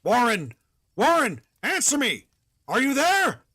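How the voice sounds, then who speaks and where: A man's voice: very high-pitched, wildly swooping pitch, slow pace, husky, pitched above the performer's own voice, full character voice. A man voicing a horrified man who calls out desperately in a horror story reading. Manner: desperate loud calling. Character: horrified man shouting down a line.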